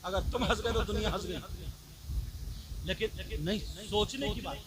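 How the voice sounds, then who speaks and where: A man preaching a sermon to a live audience, telling dramatic stories with acted quotes, scolding and repeating phrases for effect, sometimes breaking into shouts. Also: high voice, normal speed, noisy background. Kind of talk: Islamic sermon to a crowd. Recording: live crowd audible. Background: crowd.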